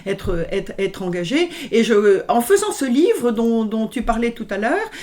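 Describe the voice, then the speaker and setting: Higher-pitched woman, hesitant. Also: sing-song, unhurried, darkish tone. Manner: hesitant, many fillers and restarts. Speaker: violinist guest. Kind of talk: conversational interview.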